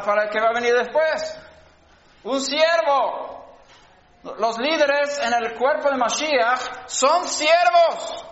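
His voice is very high and fairly bright as he preaches, instructing listeners on word origins, frequently starting over, and rising into fervent urging. It's captured in a dull, roomy, lo-fi sermon recording.

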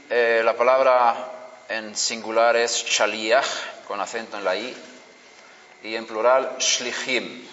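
A man teaching a Bible lesson, explaining terms word by word with frequent pauses. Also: lowish voice, fairly bright tone, slight background noise. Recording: reverberant hall, dull lo-fi sound.

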